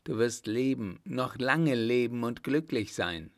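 A man voicing a gentle, worried young lover who whispers caring questions. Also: medium pitch, lively intonation, a little slow, dry recording, clean studio sound. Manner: hushed, caring.

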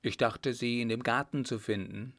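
A man voicing an earnest, cautious officer who talks quietly and measuredly. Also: medium pitch, fairly even intonation, moderate pace, close to an everyday voice.

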